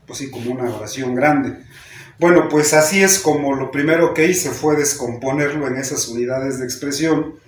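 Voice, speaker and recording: A man's voice: medium pitch, reverberant, slight background noise. A man with a Mexican accent teaching a class, explaining patiently and often ending sentences with a questioning "¿no?". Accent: Mexican Spanish. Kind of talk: lecture to a class.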